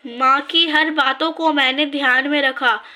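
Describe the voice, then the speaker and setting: A woman reading a story aloud in a measured, scripted narration. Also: high-pitched, fairly even intonation, sharp tone.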